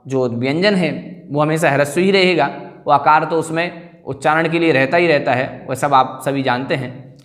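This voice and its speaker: A man teaching an online class on a Jain hymn. He chants the Sanskrit verses slowly and repeats the hard words so listeners can practise them. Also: on the high side, fairly bright tone. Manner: slow, careful chanting of Sanskrit verses, then plain explaining. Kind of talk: online scripture lesson, recitation and explanation.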